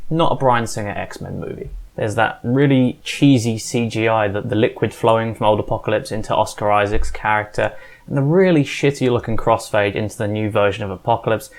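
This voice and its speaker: A man narrating a scripted film review in a sarcastic, complaining way. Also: mid-range voice. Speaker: film critic vlogger.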